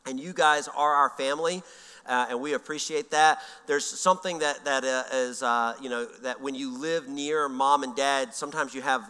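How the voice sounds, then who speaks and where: Folksy pastor in a reverberant hall. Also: male voice, mid-range voice, steady tone, moderate pace, sharp tone, smooth. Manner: folksy, rambling with frequent fillers. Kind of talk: sermon with personal story. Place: church sanctuary. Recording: long reverb of a large church hall.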